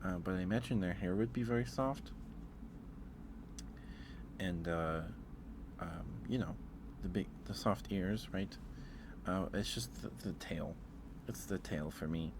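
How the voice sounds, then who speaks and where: A man with a low voice hosts a casual ASMR livestream, speaking softly with steady noise behind him. He talks a little slowly and pauses often, rambling a bit and hesitating along the way.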